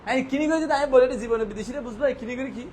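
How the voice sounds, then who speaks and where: High-voiced man teaching a class. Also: darkish tone, rough recording. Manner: quizzing students with quick questions and answers. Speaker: English teacher. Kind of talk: classroom vocabulary lesson. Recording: faint background noise.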